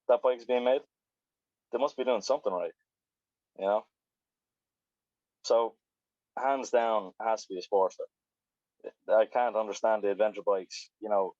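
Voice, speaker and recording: Low-voiced man on a muffled call. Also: a little mellow, no echo. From Ireland. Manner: rambling, swears then apologizes. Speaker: biker guest on a video call. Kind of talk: casual chat. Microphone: video call. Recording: dull lo-fi video call audio.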